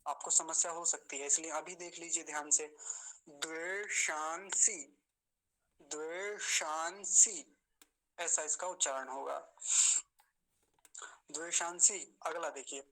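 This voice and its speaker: A man leads an online pronunciation class with a patient, courteous manner. His voice is bright and forward. He stretches out difficult words and repeats them slowly, one syllable at a time. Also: fairly high pitch, rough recording. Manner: slows down to spell out syllables, repeating words carefully; patient, polite, addresses students respectfully. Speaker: teacher of mantra pronunciation.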